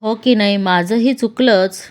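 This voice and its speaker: A woman reading a firm, warm older wife. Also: medium pitch, measured pace, natural voice. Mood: tender.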